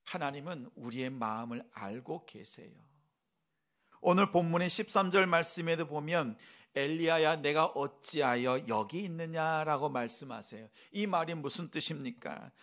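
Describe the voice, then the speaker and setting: A male pastor preaching a sermon, asking the congregation questions and acting out gentle quoted speech. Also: a little high, expressive, normal speed. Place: church sanctuary.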